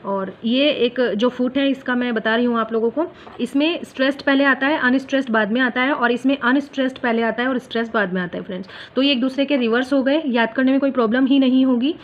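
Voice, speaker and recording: A woman's voice: high voice, quick pace, hardly any pauses, lo-fi sound. A woman, teaching literary terms from her exam notes, term by term, and calling her viewers friends. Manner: explains term by term, repeats the key points, calls viewers friends. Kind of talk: exam-prep notes lesson.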